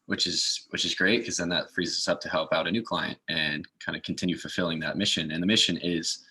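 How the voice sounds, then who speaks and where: As the guest in a casual interview, a garden maintenance assistant from the northeastern US explains things. He speaks fairly quickly in a low, steady voice that is pushed and bright with a breathy edge.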